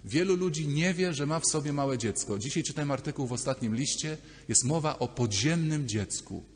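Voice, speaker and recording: Animated priest preaching in a reverberant church. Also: male voice, a little high, fairly quick. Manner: lively, acts out little dialogues, addresses listeners directly. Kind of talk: sermon.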